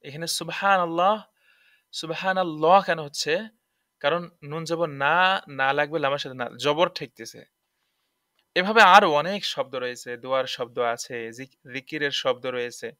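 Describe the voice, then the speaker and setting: A man's voice: a little high, moderate pace, bright, forceful tone, no room sound, studio quality. A man teaching tajweed. He spells words out letter by letter, stretches the vowels when he recites, and keeps asking the listener questions.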